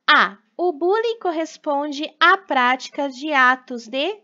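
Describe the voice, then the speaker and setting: A woman teacher with a high voice walks young pupils through a lesson, checking in with them after nearly every point. The sound is a little dull and lo-fi. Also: animated, slow, sharp tone. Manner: explanatory, frequent tag questions. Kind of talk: recorded class lesson for children.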